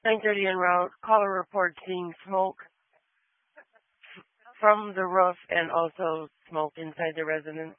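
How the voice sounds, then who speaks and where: A man's voice: sits high, flat delivery, a little slow, dry recording. A man working as an emergency dispatcher, answering units in clipped, routine radio traffic over a two-way radio. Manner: clipped, acknowledging radio calls. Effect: two-way radio transmission. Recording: tinny narrow-band radio scanner audio.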